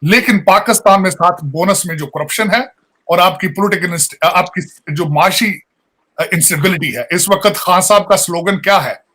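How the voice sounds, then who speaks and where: A retired army major gives earnest analysis on a TV panel. His high, bright voice sometimes slows into halting English phrases. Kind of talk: TV panel discussion.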